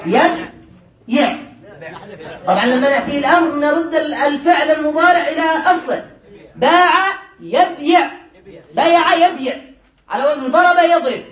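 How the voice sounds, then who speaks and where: A man's voice: very high voice, fairly bright tone. A male teacher giving a classroom grammar lesson, explaining step by step and often laughing as he checks whether students follow. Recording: echoey room, mic far away.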